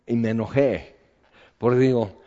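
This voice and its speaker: A man preaching a sermon, moving between hushed prayerful passages and loud fervent outbursts. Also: medium pitch, steady tone, a little slow. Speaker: pastor. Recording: dull sound with long hall reverb.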